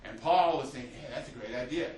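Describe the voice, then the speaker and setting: A male teacher rattles through an unscripted history lecture in storytelling style, with plenty of fillers and restarts. His voice is mid-range and darkish, and he talks fast. Slight hiss or hum is audible, and the distant mic picks up an echoey room.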